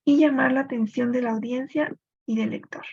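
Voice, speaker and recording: A woman teaching a recorded literature lesson, explaining step by step and pausing to think aloud for examples. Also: on the high side, steady tone, a little mellow. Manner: clear explanatory pace with thinking-aloud pauses. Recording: dull lo-fi recording.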